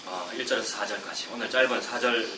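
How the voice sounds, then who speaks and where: A middle-aged pastor with a lowish voice and a cold, coughing, preaches an expository sermon in a church sanctuary. He reads scripture slowly and chats casually in between with self-deprecating asides, captured by a roomy, distant mic with background noise.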